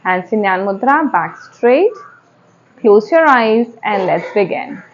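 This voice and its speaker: A woman's voice: mid-range voice, big pitch swings, a little slow, dull audio, a little hiss or hum. A woman with an Indian accent giving spoken yoga instruction step by step, repeating and rephrasing key points as she goes.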